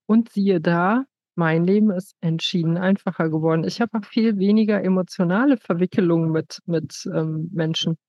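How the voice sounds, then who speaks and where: A woman's voice: fairly low pitch, moderate pace, few pauses, warm tone, dry recording. Frank woman, dry dull recording. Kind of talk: casual interview chat.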